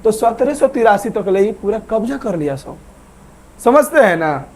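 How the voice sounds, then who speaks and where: Man, very high pitch, teacher, casual exam-prep lesson, repeats his questions. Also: very animated, moderate pace, darkish tone, a little hiss or hum. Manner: coaxing, repeats questions and answers himself; asks viewers to like and subscribe.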